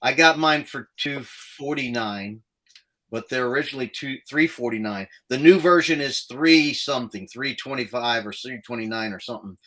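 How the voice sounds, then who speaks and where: A man's voice: mid-range voice, moderate pace, pushed and bright. A man hosting a casual live stream, chatting and reading out comments from viewers.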